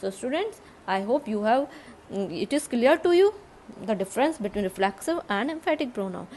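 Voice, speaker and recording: A woman's voice: a little high, lively intonation, normal speed, a little mellow, slight background noise. A woman teacher with an Indian English accent, explaining grammar to students in English and Hindi and repeating the key terms.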